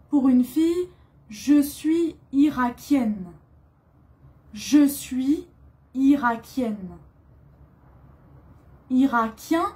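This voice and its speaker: A woman from France teaching beginner French, speaking slowly and repeating each word with careful articulation. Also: sits high, warm tone. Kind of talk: slow beginner language lesson.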